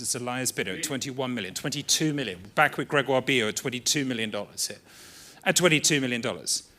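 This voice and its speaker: A man working as an auctioneer, calling out bids in a brisk, rhythmic patter during a live sale in an auction room. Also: mid-range voice, pushed and bright.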